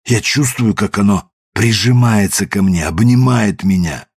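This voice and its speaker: A man reading the lines of a tormented, obsessed lover in a novel, with a husky, low voice. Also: a little slow. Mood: pleading.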